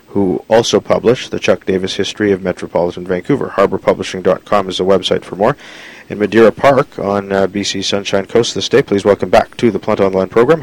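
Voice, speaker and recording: A man hosting an interview, measured and full of "uh" fillers. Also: sits low, rough recording. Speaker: radio interview host. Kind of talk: interview with a scripted introduction.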